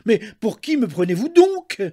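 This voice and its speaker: A man's voice: very animated, normal speed, slightly rough, heavily acted. A man voicing an indignant, hysterical young woman who shrieks in outrage at her lover. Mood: furious. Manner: shrill, outraged shouting.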